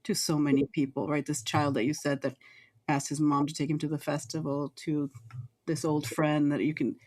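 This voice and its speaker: A woman's voice: sits low, flat delivery, moderate pace, a little mellow. A woman hosting a podcast interview, reflective, giving frequent short affirmations as the guest talks. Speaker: podcast host, university teacher. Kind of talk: interview conversation.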